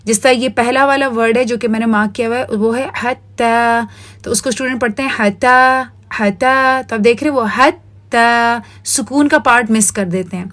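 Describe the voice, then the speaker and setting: A woman with a Pakistani Urdu accent teaching recitation rules over slides, patient and explanatory, slipping English words into her sentences. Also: on the high side. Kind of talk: recorded online lesson over slides.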